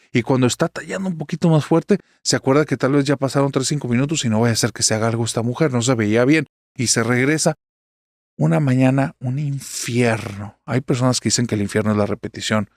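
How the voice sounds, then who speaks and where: A man's voice: mid-range voice, fast, a little mellow, no echo, clean studio sound. A man narrating a horror story in a chatty way, speaking straight to the listener. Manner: chatty, addresses the listener directly.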